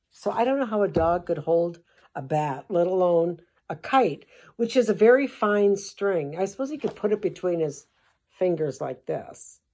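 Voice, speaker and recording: A grandmotherly older woman with a somewhat low voice reads a kids' picture book for grown-ups. She keeps stopping for sarcastic, wandering asides and throws in the odd swear word, unimpressed by the story. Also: warm tone. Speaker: host reading a children's book aloud. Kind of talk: comic storybook commentary.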